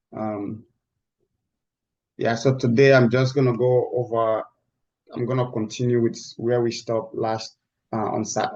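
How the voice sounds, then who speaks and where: A man teaching a live online class, heard through a screen-recorded video call, talking in a halting way with many restarts. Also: mid-range voice, darkish tone, dull audio. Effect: screen-recorded video call audio. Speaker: instructor. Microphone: computer mic on a video call.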